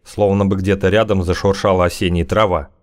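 A man narrating an audiobook in a low voice, measured and wry. He reads steadily and evenly, in a plain storytelling manner. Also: level tone. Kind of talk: scripted narration.

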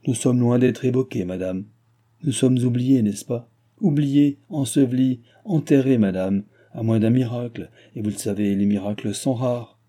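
A man's voice: medium pitch, normal speed, mellow, lightly acted. A man voicing a weary, gloomy lawyer in an audiobook, speaking in a mournful, resigned way. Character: weary, gloomy middle-aged male lawyer.

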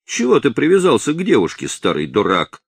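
A man voicing a gang of rough, drunken male mule drivers who shout loud taunts. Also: mid-range voice, huge pitch swings, fairly quick, no room sound, voice pushed up, heavily acted. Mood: jeering.

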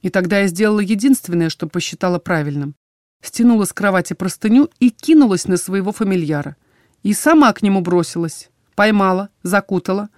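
A woman reading a first-person fantasy audiobook with expressive, dramatic storytelling. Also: mid-range voice, brisk, no room sound, clean studio sound. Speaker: audiobook narrator.

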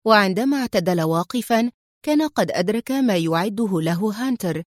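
A woman reading a thriller story aloud as narrator in an even, dramatic manner. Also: mid-range voice, fairly quick, no room sound, studio quality.

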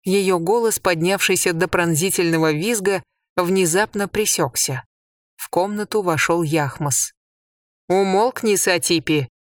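An audiobook reader narrating a story in an even, measured way. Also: mid-range voice, dry recording, studio quality, far from the mic.

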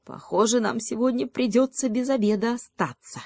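A pair of hungry storybook crows grumble at each other in gruff, croaky voices, voiced by a woman. The tone is dark and surly. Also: a little high, moderate pace, dry recording, studio quality, voice pushed up. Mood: grumbling.

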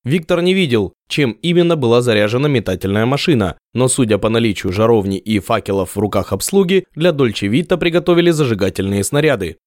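A man narrating an adventure novel in a measured storytelling voice. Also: medium pitch, lively intonation, a little mellow, no room sound, studio quality. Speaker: audiobook narrator. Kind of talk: scripted narration.

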